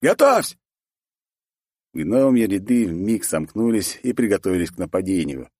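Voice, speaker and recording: A man's voice: deep voice, expressive, normal speed, dark tone, no room sound, clean studio sound. A man narrating a first-person fantasy audiobook in a matter-of-fact, wry way.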